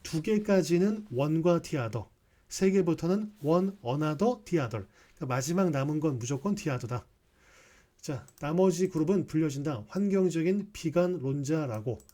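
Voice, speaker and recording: A man's voice: on the high side, animated, moderate pace, mellow. A male English teacher explaining sentences in a recorded class, reading English lines aloud between explanations and often checking with rhetorical questions.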